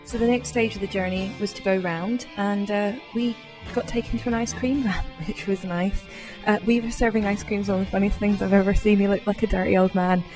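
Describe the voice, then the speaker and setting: A woman's voice: mid-range voice, fairly even intonation, brisk, few pauses, low-quality recording. Chatty woman narrating over guitar. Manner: chatty and amused, with hesitant fillers. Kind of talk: casual narration.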